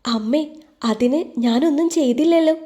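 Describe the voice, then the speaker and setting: A woman's voice: high-pitched, moderate pace, mellow, close to an everyday voice. A woman voicing a hurt young wife who pleads in a tearful way. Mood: pleading.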